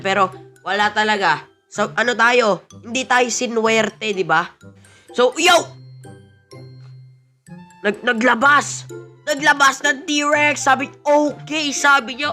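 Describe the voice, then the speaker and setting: A woman giving excited gameplay commentary, mixing Tagalog and English and shouting "yo" often. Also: fairly high pitch. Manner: excitable, mixes Tagalog and English, frequent "yo" exclamations. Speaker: gaming channel host.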